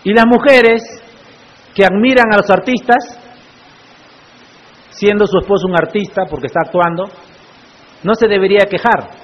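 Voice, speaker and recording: A man's voice: high voice, moderate pace, long pauses. A male pastor preaching a sermon in church, often putting rhetorical questions to the congregation. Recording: echoey church hall, muffled lo-fi sound.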